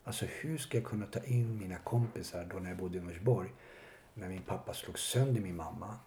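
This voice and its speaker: A man telling his life story in an interview, halting and reflective with many pauses. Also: low-pitched, warm tone. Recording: echoey room with faint noise.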